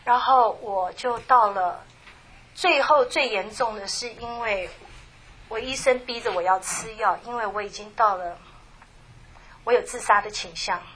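Soft, halting middle-aged woman testifying. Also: on the high side, slight background noise. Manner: halting and soft, with many restarts and trailing phrases. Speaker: church member giving a testimony. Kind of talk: personal faith testimony.

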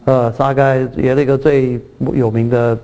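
A preacher teaches from a Bible passage in a middle-pitched, dark, level voice at a measured pace, repeating himself, restarting phrases and often asking whether listeners follow. His voice lifts to stress key lines as he reads scripture aloud. The recording quality is low.

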